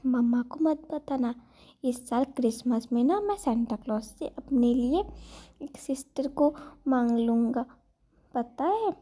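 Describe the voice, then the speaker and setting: A woman's voice: a little high, lively intonation, measured pace, warm tone, voice pushed down. A woman voicing a cute, cheeky little boy who chatters sweetly and a bit mischievously in a fan fiction retelling.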